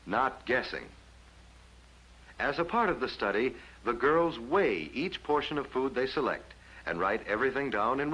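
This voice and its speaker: An American man reads a script as narrator of a 1950s instructional film, his mid-pitched voice pushed, bright and husky. The delivery is formal and measured, announcer-style, and the old film soundtrack sounds rough.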